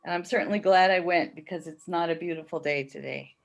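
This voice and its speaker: A woman in casual chat, telling stories in a chatty, animated way. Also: on the low side, fast, creaky.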